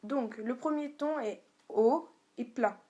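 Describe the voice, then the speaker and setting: Slow, patient French-speaking woman teacher. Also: high voice, dark tone, dull audio. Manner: slow, patient, repeats sounds for the viewer to copy. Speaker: Chinese language teacher. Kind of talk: beginner video lesson.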